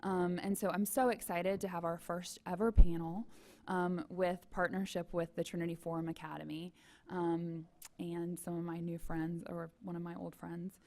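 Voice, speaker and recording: A woman's voice: lowish voice, flat delivery, normal speed, mellow. A woman running a college career office, moderating a panel in a chatty, self-deprecating way.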